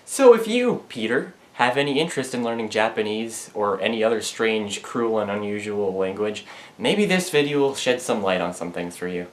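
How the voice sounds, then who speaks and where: A man's voice: on the low side, lively intonation, moderate pace, noisy background. A young man presenting a comedic explainer video in a dry, sarcastic, self-mocking way. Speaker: student presenter. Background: music.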